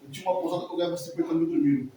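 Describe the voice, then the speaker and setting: Fast-talking man testifying in an echoey church. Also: on the high side, steady tone, warm tone. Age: 40s. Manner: emotional, rambling, repeats himself. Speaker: church member giving testimony. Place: church hall. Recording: echoey hall from far off, faint noise.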